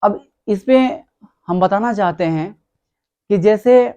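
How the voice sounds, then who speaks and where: A man gives a motivational talk at a slow, deliberate pace. His voice is mellow and warm, and he leans hard on his key words, repeating them and calling the audience friends. The recording is slightly muffled and lo-fi. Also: high voice, smooth. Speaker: motivational speaker.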